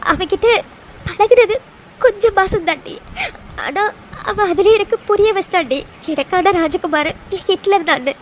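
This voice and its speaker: A woman's voice: very high voice, moderate pace, a little hiss or hum. A woman voicing an anxious young cartoon heroine in love, who talks in an emotional, confiding and pleading way. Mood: fearful. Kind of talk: animated cartoon dialogue.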